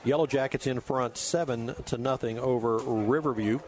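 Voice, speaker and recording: Man, play-by-play commentary, high school football, mid-pitched, press booth. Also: moderate pace, a little mellow, slight background noise. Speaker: play-by-play announcer.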